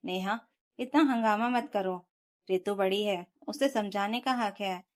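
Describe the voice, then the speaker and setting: A woman's voice: medium pitch, a little slow, lightly acted. A woman reading as a stern mother-in-law. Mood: dismissive. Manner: curt, dismissive. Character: stern older mother-in-law, partial and dismissive.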